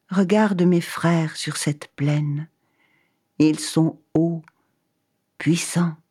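A woman voicing a weak, sickly tree that struggles to breathe, speaking slowly in a whispery voice. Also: on the low side, a little mellow, slightly rough, exaggerated voice.

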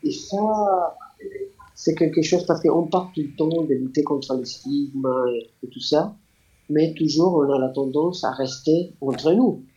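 Heard through dull lo-fi sound, a radio project founder from Argentina answers interview questions in a warm, fairly high voice. He is hesitant and halting, often groping for the right word and using plenty of fillers.

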